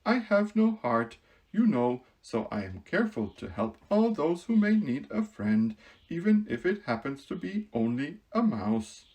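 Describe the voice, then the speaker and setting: A woman's voice: deep voice, big pitch swings, a little slow, darkish tone, pitched above the performer's own voice, rough recording. A woman reading a storybook aloud, voicing a kind and courteous man made of tin. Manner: earnest, courteous. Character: kind heartless tin man, gentle and formal.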